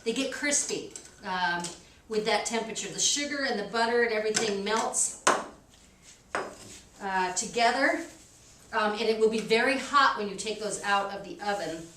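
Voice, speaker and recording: A woman's voice: medium pitch, normal speed. Chatty woman hosting a kitchen cooking demo. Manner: chatty, self-deprecating, many ums. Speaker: library cooking show host. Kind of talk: casual cooking demonstration. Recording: echoey kitchen, distant mic, faint noise.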